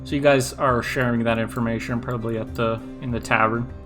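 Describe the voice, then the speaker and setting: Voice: medium pitch, fairly even intonation, a little fast, over music. A game master narrating a tabletop game in a hesitant, rambling way with many fillers.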